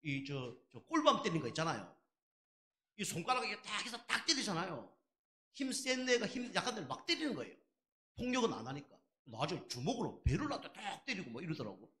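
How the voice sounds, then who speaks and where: A man's voice: sits high, sing-song, brisk, pushed and bright. A male pastor preaching a sermon in a conversational way, asking his congregation rhetorical questions. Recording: echoey church sanctuary.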